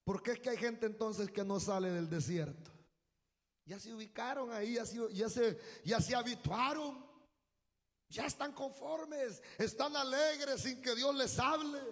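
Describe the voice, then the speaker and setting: A man preaching a fervent sermon as pastor, calling out to the congregation, shouting and drawing out his phrases. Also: very high voice, big-room sound. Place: church.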